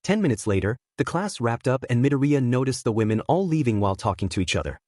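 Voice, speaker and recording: A man reads fanfiction aloud with a steady, plain delivery. His pitch moves in lively swings, and the recording is dry and close, with no room sound. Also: quick pace, no echo. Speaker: fanfiction reader. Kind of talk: storytelling narration.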